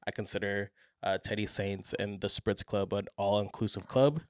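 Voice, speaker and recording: A young man, a podcast guest, chatting casually and plugging his own brand in a relaxed way. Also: fairly low pitch, moderate pace, dry recording, clean studio sound. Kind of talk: casual chat.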